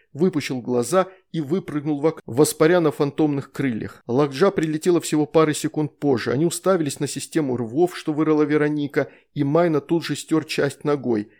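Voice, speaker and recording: A man narrating an audiobook in a lively, expressive reading. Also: on the high side, normal speed. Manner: lively, performs all character voices. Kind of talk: scripted narration.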